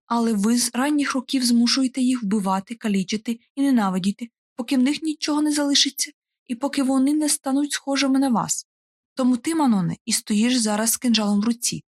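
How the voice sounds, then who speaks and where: A woman voicing a battered captive witch woman who speaks in a mocking, unbroken, calmly accusing way. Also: on the high side, close to an everyday voice.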